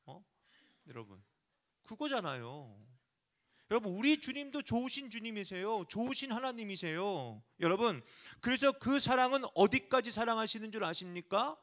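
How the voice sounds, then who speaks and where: A man's voice: sits high, very animated, normal speed, a bit bright. A man preaching a sermon as pastor, talking conversationally to the congregation and often asking rhetorical questions.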